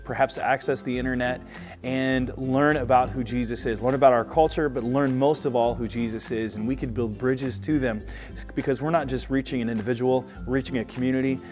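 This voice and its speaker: Pastor guy in his 30s, earnest upbeat church promo talk, clear music underneath. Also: mid-range voice, darkish tone. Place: indoor room, seated.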